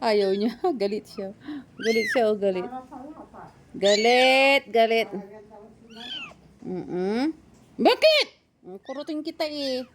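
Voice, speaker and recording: A woman's voice: fairly high pitch, very animated, takes it slowly, pauses often, noisy background. A woman vlogger talking playfully to her pet kittens, cooing, teasing, squealing and laughing. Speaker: vlogger and coach.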